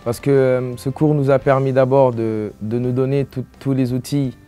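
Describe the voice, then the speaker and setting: A young man from Senegal speaks as a student in a casual testimonial, his tone warm and mellow. He talks easily and drops casual fillers as he goes. Soft music plays faintly behind him. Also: medium pitch, level tone, normal speed, smooth.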